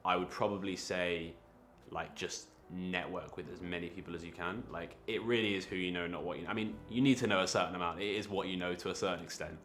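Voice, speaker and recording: A young man talking in a casual, reflective interview, halting often with fillers and restarts. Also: sits low, steady tone, fairly bright tone, faint music behind. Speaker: creative interviewee.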